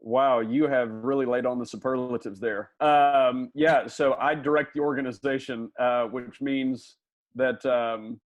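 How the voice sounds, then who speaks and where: A man's voice: mid-range voice, fairly even intonation, measured pace, dry recording, dull audio. A man from Memphis, a pastor and mission director, speaking as a guest with wry, hesitant humor. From Memphis, Tennessee. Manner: wry, self-deprecating, hesitant with fillers. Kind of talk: casual podcast interview.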